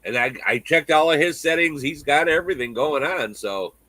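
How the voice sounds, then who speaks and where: A man's voice: fairly high pitch, animated, normal speed, bright, forceful tone, dry recording, low-quality recording. A man in his sixties hosting a casual livestream chat from home on a video call, talking in a friendly, rambling way with many restarts. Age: 60s. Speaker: livestream host.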